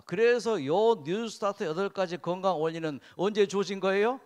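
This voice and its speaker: A male pastor giving a health sermon in church, often asking the congregation questions and answering them himself. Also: high voice. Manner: drills listeners in call-and-response repetition.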